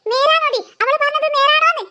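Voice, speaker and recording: An exasperated, scolding cartoon mother, voiced by a woman, very high-pitched and bright. She sighs and nags in quick, sharp bursts. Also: no echo, full character voice. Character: harried cartoon mother, scolding her daughters.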